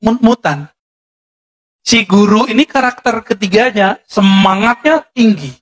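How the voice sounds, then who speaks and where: A man's voice: high voice, expressive, measured pace, fairly bright tone. A man preaching a sermon to a congregation in Indonesian-accented speech, lecturing conversationally and often checking in with his listeners. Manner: conversational lecturing, addresses listeners as Pak, frequent "ya" tags. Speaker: Islamic preacher.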